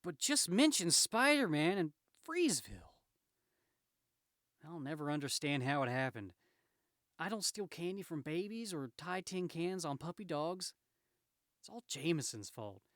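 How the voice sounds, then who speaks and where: A man's voice: fairly high pitch, very animated, measured pace, pauses often, fairly bright tone, no room sound, studio quality, pitched above the performer's own voice. A man voicing a wisecracking comic-book superhero, cocky and aggrieved, in a theatrical, quippy manner. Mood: aggrieved, complaining. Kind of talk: comic book read aloud in character.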